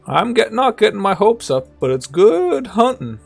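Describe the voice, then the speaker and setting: A man's voice: sits high, big pitch swings, normal speed, gravelly, soft background music, pitched above the performer's own voice, heavily acted. A man voicing an amiable, chatty old scavenger from a video game in a folksy old-timer manner. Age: older. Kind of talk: video game dialogue read in character.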